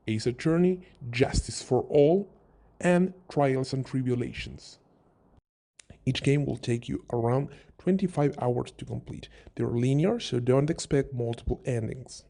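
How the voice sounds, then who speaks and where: In an unhurried, dark, mid-range voice, a man narrates a scripted top-five video game list as host. He takes an informal explainer approach, answering his own questions, while background music plays.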